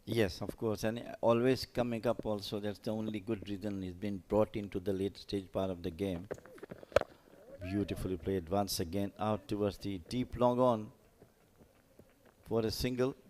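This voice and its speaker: A man with a fairly low voice gives live cricket commentary. He explains play and players in loosely phrased analysis. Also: steady tone, moderate pace, darkish tone.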